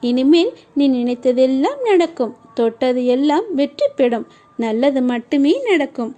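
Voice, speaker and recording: A woman reading a scripted devotional message in a tender, consoling tone, speaking to the listener in a deity's first-person voice. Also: high voice. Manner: steady, reading cadence in long lists of short phrases.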